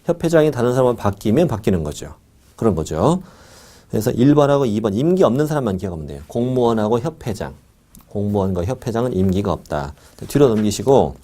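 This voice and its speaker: A man's voice: on the low side, mellow. A middle-aged man teaching an exam prep lecture, repeating key points and asking questions he answers himself.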